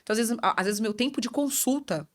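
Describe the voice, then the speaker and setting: A woman in her thirties, a children's ear-nose-throat doctor, chatting as a podcast guest and telling lively stories with acted-out dialogue. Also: fairly high pitch, fast. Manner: lively storytelling, acts out quoted dialogue. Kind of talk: casual podcast chat.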